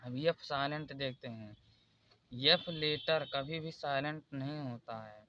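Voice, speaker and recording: A man teaching English spelling rules in a slow, repetitive way and pointing out examples one by one. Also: medium pitch, lo-fi sound. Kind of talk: explaining spelling rules in Hindi.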